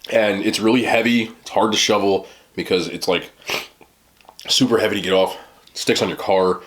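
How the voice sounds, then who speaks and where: A man's voice: lowish voice, fairly even intonation, moderate pace, a bit bright, slight background noise. A man in his thirties in casual, rambling mukbang chat, joking in slang and talking between bites as he eats. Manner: talks between bites while eating. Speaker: mukbang host. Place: small indoor room, seated at a table.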